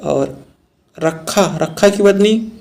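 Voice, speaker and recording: Male Hindi teacher, raised gravelly voice, repeats each word while explaining spelling for exam prep. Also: high-pitched, takes it slowly, darkish tone. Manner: explains word by word, repeats terms, calls viewers "friends".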